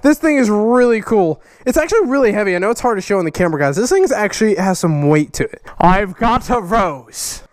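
A woman hosting a casual vlog, opening fan mail excitedly, swearing and laughing a lot. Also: mid-range voice, quick pace, few pauses, no echo, studio quality. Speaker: motovlogger host.

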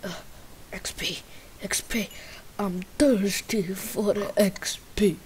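A woman hosting a game channel, giving chatty let's play commentary that swings between muttered asides and sudden excited squeals. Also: mid-range voice, takes it slowly, a little hiss or hum, rough recording. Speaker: gaming channel host.

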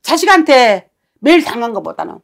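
A woman's voice: fairly high pitch, big pitch swings, fairly quick, vocal fry. A woman shaman giving a fortune-telling session, talking bluntly and scolding with coarse words.

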